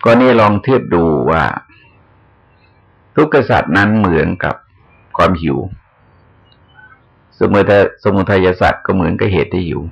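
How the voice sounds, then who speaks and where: An older man, a Buddhist monk, giving a sermon in a slow, measured way with pauses as he explains. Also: low-pitched, gravelly, husky.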